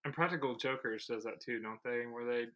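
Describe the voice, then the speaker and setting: A man's voice: fairly quick, muffled recording. A young man cohosting a podcast, chatting casually and animatedly with friends. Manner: animated, jumps into high mock voices while laughing. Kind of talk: casual chat.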